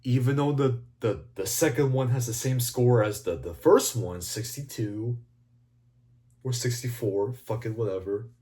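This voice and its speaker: A man rambling through a casual, profanity-laced movie review, swinging between excited and mumbling. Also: mid-range voice, unhurried. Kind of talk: casual video commentary.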